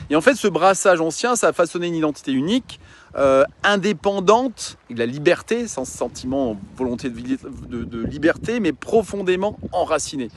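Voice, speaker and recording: A man's voice: on the high side, sing-song, moderate pace, a little hiss or hum. A man, a coach and mountain guide, talking earnestly and informally to his followers, with frequent fillers and restarts. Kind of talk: casual informal talk to followers.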